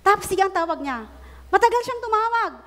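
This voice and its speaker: High-voiced Filipina woman preaching. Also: fairly quick. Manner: animated storytelling, acting out quoted prayers; mixes Tagalog with English phrases. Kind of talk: sermon storytelling.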